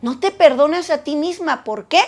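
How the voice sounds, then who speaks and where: A woman giving a conversational sermon to women, animated and talkative, acting out the voices of people she quotes. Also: sits high, normal speed.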